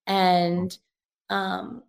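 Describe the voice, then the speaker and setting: A woman with a raspy voice that is nearly gone, speaking earnestly and emphatically as an interview guest giving testimony. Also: on the low side, monotone, drawn-out words. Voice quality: hoarse, raspy voice. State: hoarse, losing voice. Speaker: guest, missionary and revivalist. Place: inside an old rented house, remote guest.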